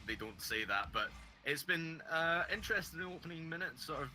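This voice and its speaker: A man giving relaxed esports color commentary and reading out donations, with many fillers. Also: fairly high pitch, moderate pace, slight background noise, rough recording. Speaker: esports co-caster.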